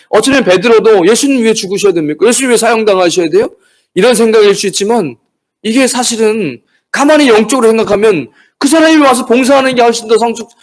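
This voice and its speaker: A man preaching a midweek church sermon, talking to the congregation and acting out the words of disciples and churchgoers. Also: high-pitched. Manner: animated, acts out quoted voices of disciples and churchgoers. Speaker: pastor.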